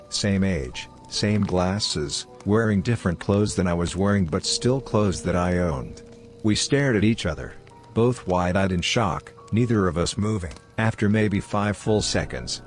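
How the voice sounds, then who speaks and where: A man giving a steady first-person narration of online horror stories. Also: low-pitched.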